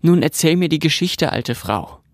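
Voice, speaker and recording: A man's voice: on the high side, lively intonation, normal speed, dry recording, clean studio sound, voice pushed up, natural voice. A man reading aloud, voicing an impatient, curious little girl who talks in an eager, pleading way. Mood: angry.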